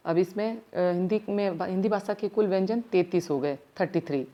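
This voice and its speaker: A woman teaching a primary school grammar lesson. She explains slowly, step by step, and stops to put questions to the class, with words her speech. Her voice sits fairly low, and the recording sounds dull and lo-fi. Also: mellow.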